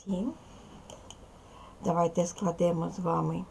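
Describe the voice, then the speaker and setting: A woman teacher giving a recorded video lesson to young schoolchildren, speaking clearly and patiently. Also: fairly low pitch, little pitch movement, darkish tone, slight background noise. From Ukraine. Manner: slow, clear instructional delivery, addressing children.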